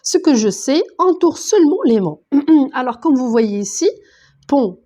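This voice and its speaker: Woman, teacher, somewhat high voice, patient, step-by-step, reads words one at a time. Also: big pitch swings, measured pace, warm tone. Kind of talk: online grammar lesson.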